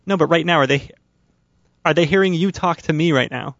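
A man's voice: a little high, fairly quick, creaky, fairly bright tone, no room sound, highs cut off. A man hosting a casual radio talk show, chatty and self-mocking as he tells a story in a studio. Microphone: studio microphone.

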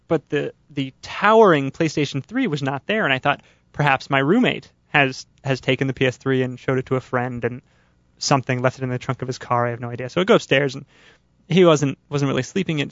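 A man's voice: mid-range voice, a bit bright, no room sound, dull audio. A man hosting a casual radio talk show, chatty and self-mocking as he tells a story in a studio. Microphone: studio microphone.

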